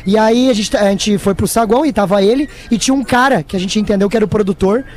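A man's voice: high-pitched, fast, soft background music. A male comedian with a southern Brazilian accent, telling slangy, casual comic anecdotes on a radio panel. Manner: slangy, colloquial.

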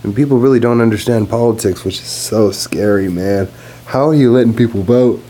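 A young man talking casually and profanely on his podcast while high, rambling from one thought to the next. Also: brisk, warm tone, a little hiss or hum. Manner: rambling, profane, laid-back. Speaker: podcast host. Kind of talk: casual stoned podcast monologue. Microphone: podcast microphone.

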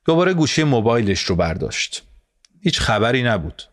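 A man reading a story aloud in calm, measured scripted narration. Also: mid-range voice. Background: soft music score.

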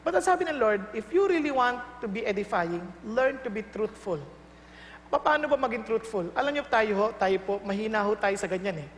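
A Filipino-accented woman preaches with a high voice and an easy, joking delivery, often laughing and slipping into other people's lines. Her voice rings with long reverb from a church hall. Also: animated, normal speed. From Philippines. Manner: humorous, laughing, acts out quoted dialogue. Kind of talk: sermon in Tagalog and English. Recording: long reverb, faint ambient noise.

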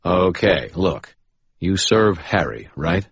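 A man's voice: deep voice, big pitch swings, takes it slowly, husky, no echo, dull audio, pitched above the performer's own voice, heavily acted. A narrator voicing a tense, pleading young man. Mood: urgent.

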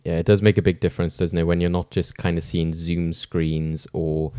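A man's voice: sits low, little pitch movement, normal speed, mellow, smooth, no echo, studio quality. A man hosting a podcast in an informal, rambling, chatty way. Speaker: podcast host. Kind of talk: casual hosting chat.

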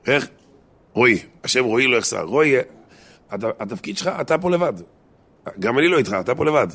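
A rabbi talks to a small congregation in a lively, joking way, firing questions at the people in front of him. His voice sits at an ordinary middle pitch for a man. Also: creaky. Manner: animated, jokey, addresses listeners directly with questions.

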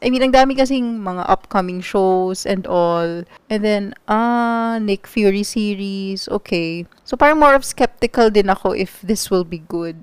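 A woman's voice: mid-range voice, a little slow, few pauses, clear, resonant tone, no room sound. A woman with a Filipino accent co-hosting a podcast, chatting casually and sounding skeptical about a new show. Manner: skeptical, chatty, switches between English and Tagalog. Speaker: podcast co-host. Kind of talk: casual pop-culture chat.

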